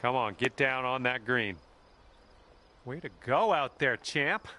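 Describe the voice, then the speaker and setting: Upbeat golf commentator, bright voice. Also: male voice, mid-range voice, lively intonation, slow pace. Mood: upbeat, encouraging. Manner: casual, encouraging play-by-play. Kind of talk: golf video game commentary.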